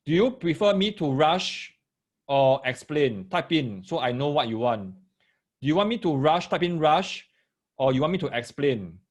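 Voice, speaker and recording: Speaking at normal speed in an animated, somewhat high voice, a man with a Singaporean accent and Singlish particles teaches maths to parents and children in a live online lesson. He explains step by step, repeats phrases, and checks that listeners are following.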